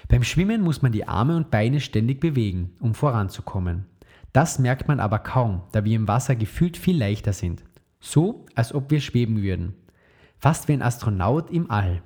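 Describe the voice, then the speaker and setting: A man reading the lines of a kind, patient mother in a children's story, in a gentle, explaining tone. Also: medium pitch, very animated, normal speed.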